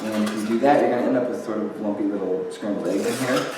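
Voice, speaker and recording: He's a young teen librarian with a lowish voice who talks fast while casually walking through a recipe in a kitchen, using lots of fillers. Background noise, an echoey room, a far-off mic and clattering dishes fill the recording.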